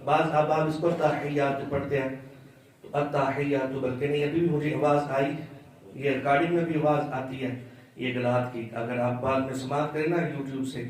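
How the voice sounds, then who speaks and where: A male religious teacher giving a live class on prayer recitation. He repeats words slowly to correct how they are pronounced. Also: mid-range voice, fairly even intonation. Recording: very echoey room, voice far from the mic.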